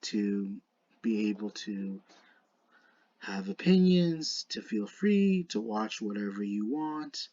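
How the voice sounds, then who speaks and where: Lisping man in halting, earnest gamer commentary. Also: fairly low pitch, big pitch swings, dark tone, no echo, lo-fi sound. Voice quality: lisp with slushy s sounds. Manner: halting, repeats and restarts words, earnest. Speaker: video creator narrating a card game duel. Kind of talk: unscripted casual commentary to viewers.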